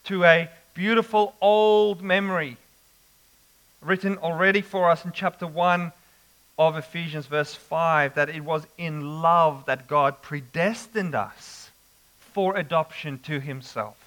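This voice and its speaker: A man preaching an expository sermon, slow and emphatic with dramatic pauses. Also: fairly high pitch, fairly even intonation, a bit bright, low-quality recording.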